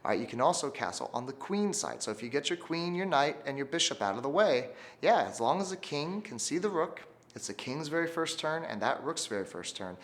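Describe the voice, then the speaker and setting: Animated male chess teacher. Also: fairly high pitch, a little fast, few pauses. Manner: animated storytelling, call-and-response. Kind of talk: instructional video for teachers.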